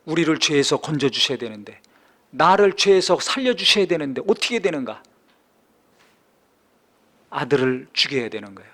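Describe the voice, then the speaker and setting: A man preaching a sermon as pastor, building from calm explanation to impassioned, near-shouted climaxes. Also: fairly high pitch, moderate pace, long pauses.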